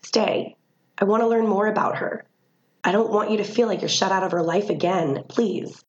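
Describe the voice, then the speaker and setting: A woman's voice: mid-range voice, normal speed, darkish tone, lo-fi sound, close to an everyday voice. A woman playing a middle-aged, guilt-ridden mother in an audio drama. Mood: pleading.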